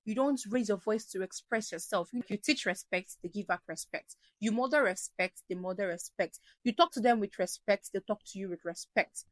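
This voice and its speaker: A woman hosting a parenting advice show, answering viewer questions in an animated way and acting out shouting parents. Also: mid-range voice, fairly quick, hardly any pauses, dry recording. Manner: animated, acts out shouting parents, drops to soft emphasis.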